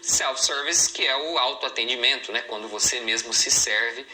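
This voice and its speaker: Man, Brazilian accent, bright voice, patient, repeats words slowly, online lesson. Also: mid-range voice, fairly even intonation, rough recording. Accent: Brazilian Portuguese. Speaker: English teacher.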